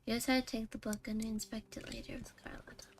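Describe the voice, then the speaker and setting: High-voiced woman streaming a game. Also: flat delivery, quick pace, in a whisper. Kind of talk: casual live stream chat, reading game text aloud.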